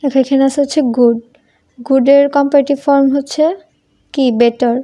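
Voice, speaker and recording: A woman's voice: high-pitched, little pitch movement, moderate pace, dark tone. A young woman teaching English grammar to students, asking them questions and answering them herself. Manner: addresses students informally as tumi. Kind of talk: Bengali-language grammar lesson.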